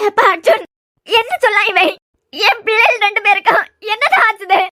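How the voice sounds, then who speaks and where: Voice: extremely high pitch, animated, moderate pace, pushed and bright, no room sound, clean studio sound, heavily acted. A performer voicing a fretful middle-aged woman in a cartoon series, pleading anxiously for answers in a Kanyakumari Tamil accent. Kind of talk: cartoon voice acting.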